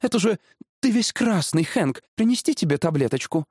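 A man voicing a fussy, excitable middle-aged mother who gushes. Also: high voice, moderate pace, husky, no echo, studio quality, voice pushed up. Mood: fussing. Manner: fussy, gushing.

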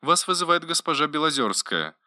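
Gentle caring female robot helper, voiced by a man, bright tone, dry close sound, polite and soft. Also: a little high, big pitch swings, fairly quick, no room sound, pitched above the performer's own voice, heavily acted. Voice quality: pleasant, solicitous voice. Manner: softly attentive, politely informative. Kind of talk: audiobook narration.

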